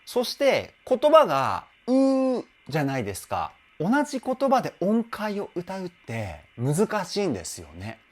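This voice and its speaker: A man's voice: high voice, huge pitch swings, a little slow, few pauses. A man hosting a channel as a vocal trainer, breaking down singing in a reaction video with keen, explanatory enthusiasm. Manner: enthusiastic, explanatory, often exclaims how cool it is.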